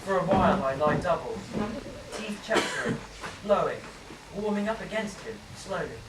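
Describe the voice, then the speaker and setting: Woman doing a grown guy looking back on being a kid, lowish voice, far off stage with heavy hiss. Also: lively intonation, natural voice. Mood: reflective. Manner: reflective, measured narration. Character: grown man narrating his boyhood memories. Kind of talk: stage narration. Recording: distant echoey stage, loud hiss.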